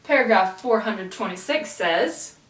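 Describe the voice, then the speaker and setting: A woman's voice: medium pitch, lively intonation, unhurried. A young woman co-hosting a casual, upbeat scripted video, speaking playfully. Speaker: co-host. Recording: echoey room, mic at a distance.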